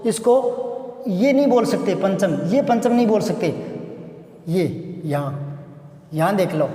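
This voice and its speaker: A high-pitched man gives a grammar lesson at an unhurried pace, repeating each word and drilling sounds aloud. His voice rings through a roomy space with a long reverb tail. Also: a little mellow. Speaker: Hindi teacher. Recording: echoey room with long reverb.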